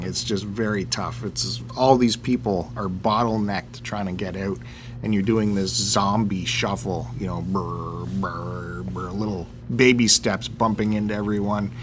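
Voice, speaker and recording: A man co-hosting a podcast in casual banter with a teasing, needling manner, talking over a laptop fan. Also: lowish voice. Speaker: podcast co-host. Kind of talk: casual banter between friends. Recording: loud laptop fan hum behind voice. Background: loud computer fan.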